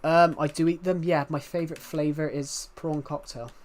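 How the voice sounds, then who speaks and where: A young man from the United Kingdom with a thick regional British accent chats casually with his live stream viewers, rambling, restarting often, and speaking candidly. His voice is fairly high with a steady tone and normal speed, and there's a little hiss or hum.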